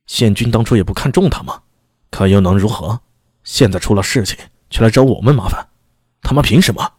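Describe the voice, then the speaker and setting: Cursing hothead constable boss, deep dark voice, man reading it out, dry audiobook sound. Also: a little fast, breathy edge, dry recording. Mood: angry. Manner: cursing, blustering. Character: furious foul-mouthed male constable chief.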